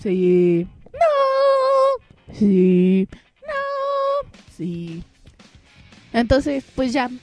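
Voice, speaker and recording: A woman with a Mexican accent, a little hoarse, telling comic school stories in a casual vlog and acting out other people in squeaky voices. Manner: animated, acts out others in squealing high voices. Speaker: vlogger. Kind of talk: casual comedic monologue.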